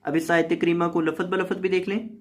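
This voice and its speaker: A Quran tajweed teacher giving a word-by-word recitation lesson, spelling out letters and vowel marks and repeating each word, with slow drawn-out chanted recitation between quicker spoken explanations. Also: mid-range voice, flat delivery.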